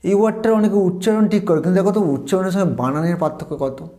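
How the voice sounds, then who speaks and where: A man with a Bengali accent teaching English pronunciation in an online lesson, slowing down to drill words and example sentences. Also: sits high, warm tone.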